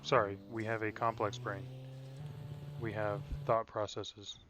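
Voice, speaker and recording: A man's voice: fairly low pitch, level tone, measured pace, noisy background. A man co-hosting a podcast in casual chat, giving short dry answers. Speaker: podcast co-host.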